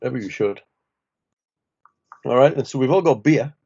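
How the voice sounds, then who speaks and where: Man co-host in a casual beer chat, jokey and rambling, mid-pitched, dull lo-fi sound. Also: lively intonation, measured pace, mellow, breathy edge. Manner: rambling, jokey, restarts and tag questions. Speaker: social worker podcast co-host. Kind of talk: casual chat over beers. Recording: muffled lo-fi recording.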